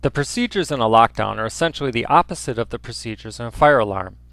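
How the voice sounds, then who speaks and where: A man's voice: medium pitch, lively intonation, fast, a bit bright, dry recording. A man reading scripted instructional narration in a formal, instructive manner. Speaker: training narrator.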